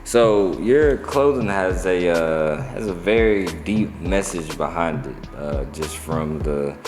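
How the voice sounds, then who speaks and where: A man hosting a casual interview, laid-back, who keeps tossing in short affirmations between questions. His voice is very deep. The room sounds echoey with a long reverb, and music plays clearly in the background. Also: slow pace, a little mellow.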